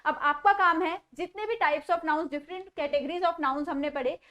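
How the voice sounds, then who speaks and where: Woman teacher, high voice, slow measured delivery, online grammar class. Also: a bit bright. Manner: mixes Hindi explanation with slow deliberate English. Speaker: English teacher.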